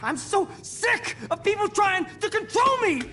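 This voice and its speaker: A man's voice: very high-pitched, big pitch swings, moderate pace, a little hiss or hum. An actor playing an unstable, entitled young man, agitated and menacing, in a dramatic video game scene. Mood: menacing rage. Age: young adult. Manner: agitated, menacing, swinging from muttering to outbursts. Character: unstable, entitled young male school bully.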